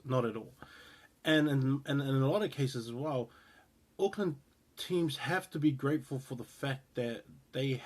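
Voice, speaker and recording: Talking casually to the camera, a New Zealand man in his thirties who hosts a rugby show shares his views, full of fillers, restarts and rambling. His voice sits in the mid range with a darkish tone.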